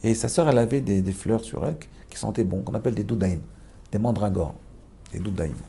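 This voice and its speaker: A man's voice: on the low side, brisk, creaky, mellow, breathy edge. A man teaching a spoken Torah lesson, telling the story with many rhetorical questions to his listeners and restarting phrases as he explains.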